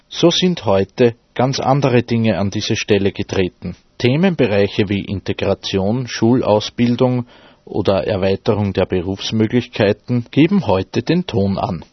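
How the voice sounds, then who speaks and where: A man reading a scripted radio report. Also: lowish voice. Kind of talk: scripted narration. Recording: husky-sounding, dull, echoey room recording.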